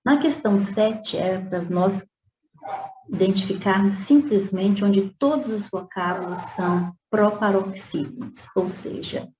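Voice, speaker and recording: A woman Portuguese teacher going over exam questions, stretching out example words slowly and checking in with her students as she explains. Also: mid-range voice, dark tone. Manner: checks in with "né?" and "tá vendo?". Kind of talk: exam review lesson. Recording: roomy, dull lo-fi with faint noise.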